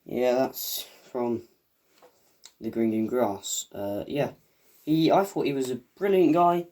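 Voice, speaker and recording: A man's voice: medium pitch, slow pace, dark tone. A man, talking casually to viewers as a video reviewer. He rambles and hesitates, with many fillers and restarts, and makes chatty asides as an eager fan.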